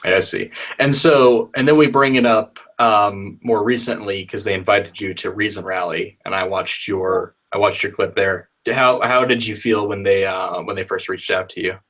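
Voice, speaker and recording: Low-voiced male podcast host. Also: steady tone, normal speed, hardly any pauses, fairly bright tone. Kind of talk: casual interview.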